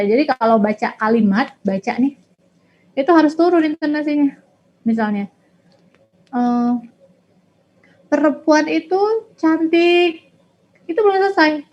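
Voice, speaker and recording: Woman teacher, grammar lesson, higher voice, muffled lo-fi recording. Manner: explanatory, frequent "nah" and "ya". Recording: dull lo-fi audio.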